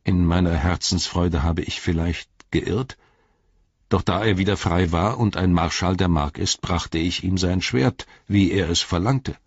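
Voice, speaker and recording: A man's voice: sits low, a little slow, breathy edge, dry recording, heavily acted. A man voicing a nervous, loyal male servant explaining himself to his king. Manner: nervous, apologetic. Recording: dull, lo-fi audiobook recording.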